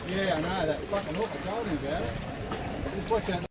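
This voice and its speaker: A man's voice: high-pitched, fairly quick. A man with an Australian accent bantering casually in a blokey, sweary way. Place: outdoors on a fishing boat. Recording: open-air boat recording, background noise.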